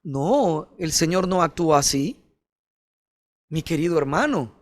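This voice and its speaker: Male pastor, sermon delivery, higher-pitched voice, dry close sound, direct and earnest, calls listeners brother. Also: a little slow, no echo. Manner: earnest preaching, rising to emphatic peaks then dropping soft.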